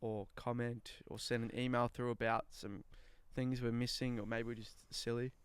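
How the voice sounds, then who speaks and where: A man's voice: medium pitch, flat delivery, moderate pace, clean tone, no room sound. A young man co-hosting a podcast, swapping casual stories in slangy, sweary, blokey banter. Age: young adult. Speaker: podcast co-host.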